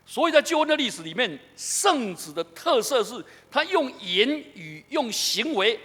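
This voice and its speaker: A middle-aged Taiwanese pastor preaches with a very high, lively voice that swoops up and down. His tone is a little husky, and he keeps asking his congregation questions. The sound rings with the long echo of a church hall. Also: unhurried. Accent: Taiwanese Mandarin. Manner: animated, asks the congregation questions. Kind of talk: sermon. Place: church sanctuary.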